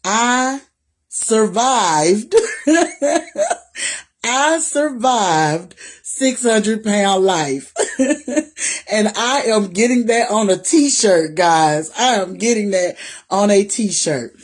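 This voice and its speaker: A woman's voice: mid-range voice, expressive, very slow, long pauses. A woman, chatting on a live stream and greeting viewers by name. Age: 40s. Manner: warm, greets viewers by name, Southern "y'all" talk. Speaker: vlogger hosting a live stream. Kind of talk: casual live-stream chat.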